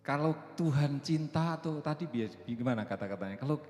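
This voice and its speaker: A man's voice: expressive, fairly quick. Preaching man in an echoey hall. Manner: swings from loud high preaching to soft chatty storytelling, laughs often. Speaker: pastor. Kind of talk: sermon. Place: church hall. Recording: echoey church hall with reverb and faint music.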